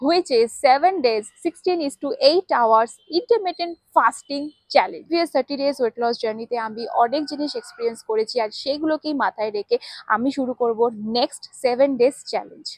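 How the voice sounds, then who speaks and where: Female vlogger, high pitch, dry room, methodical rule-by-rule delivery. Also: unhurried, no room sound, poor audio. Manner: lists rules step by step, mixing English into Bengali. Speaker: fitness vlogger. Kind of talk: scripted-sounding vlog explainer.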